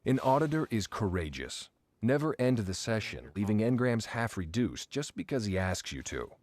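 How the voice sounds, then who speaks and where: A man giving a scripted instructional narration, explaining each step clearly. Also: fairly low pitch, very animated, moderate pace, a little mellow, no room sound.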